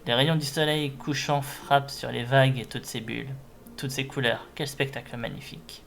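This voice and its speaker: A man's voice: mid-range voice, fairly even intonation, normal speed, vocal fry, a bit bright, faint music behind. A man voicing a friendly, concerned young monster in a video game, earnest and wide-eyed. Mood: wonder. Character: friendly, concerned young Pokémon who loves the beach.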